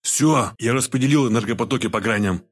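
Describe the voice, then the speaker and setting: A man's voice: mid-range voice, brisk, slightly rough, close to an everyday voice. A man voicing a shrewd healer of a gang who gives curt, hissing orders. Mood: businesslike.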